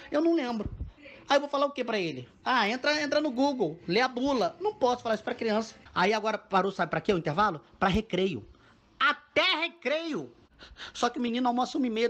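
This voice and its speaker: Fed up dad ranting, sarcastic, high voice, talks real fast. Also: male voice. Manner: exasperated, sarcastic. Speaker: father. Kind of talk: comic rant.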